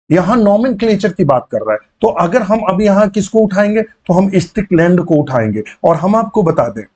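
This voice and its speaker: A man teaching a biology exam-prep lecture, explaining terms slowly, repeating key words and pausing with fillers as he writes. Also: high-pitched, darkish tone, highs cut off. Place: online class setting.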